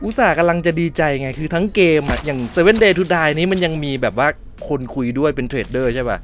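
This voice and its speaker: Excitable high-voiced man gaming. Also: soft background music. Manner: excitable, quick to shout in surprise; polite, chatty running commentary. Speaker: gaming channel host. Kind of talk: let's play commentary.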